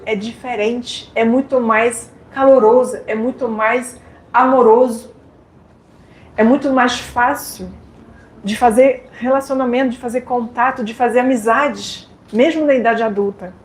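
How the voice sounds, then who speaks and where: A French woman with a French accent giving a live lecture, talking directly and playfully and putting questions to her audience. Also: on the high side. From France. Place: lecture hall. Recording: echoey hall with faint noise.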